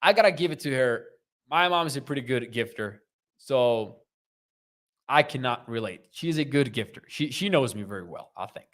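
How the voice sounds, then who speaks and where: Reading viewer comments aloud in a chatty way, this young podcast host from Mexico runs a live sports talk stream with a Mexican Spanish accent. He sounds animated and a touch bright, with a medium pitch and a moderate pace.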